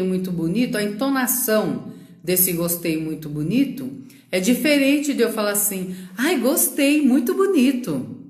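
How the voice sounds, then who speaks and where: A woman's voice: mid-range voice, darkish tone, reverberant. A woman with a Brazilian Portuguese accent giving a live-streamed sales lecture, listing terms one by one and checking in with "ok?". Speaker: sales trainer. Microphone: phone on a social media live stream.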